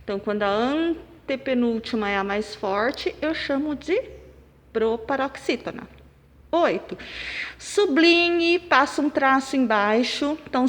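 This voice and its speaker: A woman, a primary school teacher taking children through a worksheet. She speaks slowly and punches out stressed syllables. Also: high-pitched. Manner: slow, clapping out syllables and stressing them loudly. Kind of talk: recorded remote lesson for children. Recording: long reverb, room echo.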